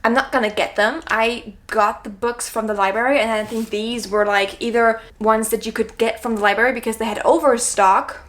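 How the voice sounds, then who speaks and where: A woman's voice: on the high side, fairly even intonation, normal speed, few pauses. A woman chatting casually to camera as a vlogger, gushing and informal, with self-deprecating asides. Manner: gushing, effusive about the books she likes. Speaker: book vlogger hosting her own video. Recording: clear background noise, clicks.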